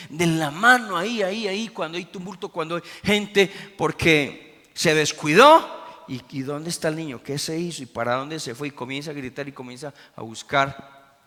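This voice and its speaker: A man's voice: fairly high pitch, moderate pace, sharp tone, big-room sound. A man, preaching a Sunday school sermon emphatically and calling out "amén" to the congregation. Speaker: pastor.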